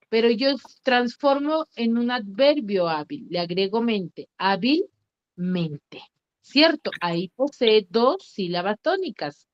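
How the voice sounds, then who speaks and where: Slow, patient woman teacher quizzing pupils. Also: medium pitch, no room sound. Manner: quizzing, stretching out syllables for emphasis. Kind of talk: online class lesson. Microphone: computer mic on a video call. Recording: slightly muffled online call audio.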